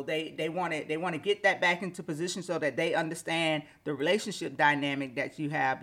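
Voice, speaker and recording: A woman's voice: deep voice, a bit bright. A woman hosting a solo podcast, talking casually and reflectively to listeners, with slightly slushy ch and sh sounds from wearing a retainer. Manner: conversational, reflective, addresses listeners directly. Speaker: podcast host. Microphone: microphone with pop filter and windscreen.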